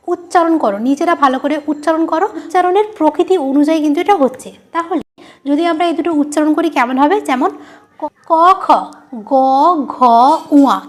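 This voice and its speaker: A woman teacher talks through an online grammar lesson. She is patient and repeats each point, often asking a short question and then answering it herself. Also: high-pitched. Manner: patient, explains by repeating and quizzing the listener.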